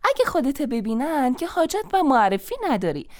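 A woman with an Afghan Dari accent hosting a children's show, gently explaining and soothing. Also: sits high, big pitch swings, a little hiss or hum. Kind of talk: scripted children's TV chat.

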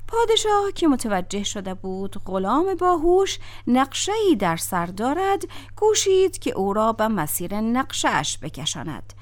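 A woman narrating a classic tale in an expressive storytelling voice. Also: fairly high pitch.

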